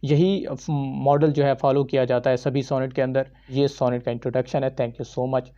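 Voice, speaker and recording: A man's voice: mid-range voice, level tone, moderate pace, mellow. A man lecturing on poetry as a teacher, explaining step by step and mixing English terms into his talk. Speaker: literature teacher. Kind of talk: classroom lecture. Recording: dull lo-fi recording.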